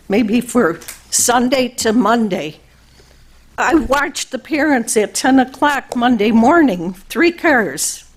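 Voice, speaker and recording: Slow, higher-voiced complaining woman. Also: poor audio. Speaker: resident speaking at public comment. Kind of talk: public comment at a meeting.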